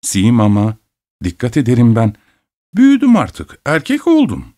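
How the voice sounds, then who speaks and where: A man's voice: medium pitch, moderate pace, a little mellow, voice pushed up, close to an everyday voice. A man voicing a lazy teenage farm boy who talks in an eager, wheedling way.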